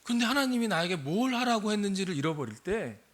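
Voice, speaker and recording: A man's voice: high-pitched, sing-song, fast, fairly bright tone. An older man, a missionary pastor, preaching a sermon and asking his congregation questions. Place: church sanctuary.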